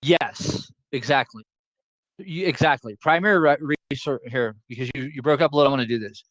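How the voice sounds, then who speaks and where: Over a video call, a man gives a casual, joking online class lecture, repeating points so they stay simple. He speaks a little fast at medium pitch, and the audio is poor, with no room sound.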